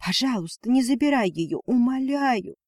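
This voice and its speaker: A man voicing a fierce, protective dragoness mother in a storybook reading, his voice pushed higher and emotional. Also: expressive, measured pace, darkish tone, no echo, clean studio sound. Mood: pleading. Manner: pleading then defiant, raised voice.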